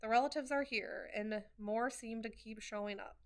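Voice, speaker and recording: A woman's voice: on the high side, normal speed. A woman reading a first-person novel chapter aloud, in an earnest way with wry asides and small restarts. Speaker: reader of a novel.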